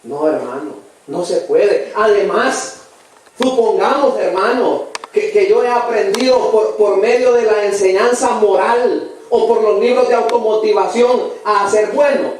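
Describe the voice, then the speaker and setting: A man's voice: high voice, unhurried, a little hiss or hum. A man preaching a sermon with a Salvadoran accent, earnest and emphatic, calling his listeners brother again and again. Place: church hall. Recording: very echoey church, voice from far off the mic.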